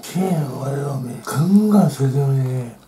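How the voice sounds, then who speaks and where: A man's voice: mid-range voice, animated, unhurried, crowd noise. A man telling rambling, chatty stories while eating on his vlog, speaking casually at home. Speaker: eating-show vlogger. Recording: roomy room with faint background noise.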